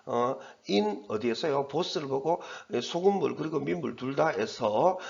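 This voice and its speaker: Lively, gravelly-voiced male teacher. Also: fairly high pitch, measured pace, muffled recording. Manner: explanatory, self-correcting, frequent fillers and restarts. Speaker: English teacher. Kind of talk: recorded lecture explaining an exam passage.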